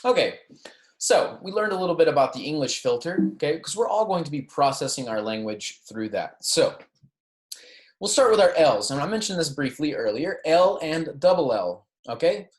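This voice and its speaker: In an echoing room, a Spanish teacher with a mid-pitched, very animated voice walks beginners through pronunciation step by step at a moderate pace. She models words for them to repeat and checks in often with "okay" and "right."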